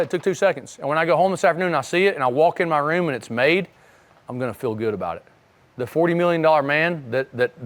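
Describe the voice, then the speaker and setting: A man's voice: on the high side, fairly bright tone. A man coaching young wrestlers in a casual motivational talk, often checking in with his listeners.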